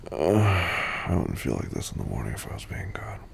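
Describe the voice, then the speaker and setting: Sleepy hungover man for intimate roleplay; low voice with a lively lilt, soft whispers. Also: creaky. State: hungover and half asleep.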